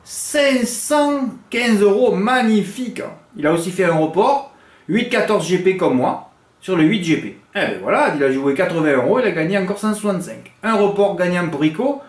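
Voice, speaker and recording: A man's voice: fairly quick, echoey room. A man giving horse racing tips in a casual monologue, joking crudely and swinging his voice up and down. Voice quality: has a noticeable accent others laugh at. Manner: animated, crude joking, big swings in pitch and loudness.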